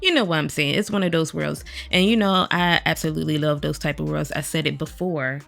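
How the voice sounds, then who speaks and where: A woman with a gravelly, just-woken-up voice talks casually through a game overview, speaking directly to her viewers and calling them "y'all". Soft music plays faintly underneath. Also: deep voice, fairly quick. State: groggy morning voice. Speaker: gaming video creator.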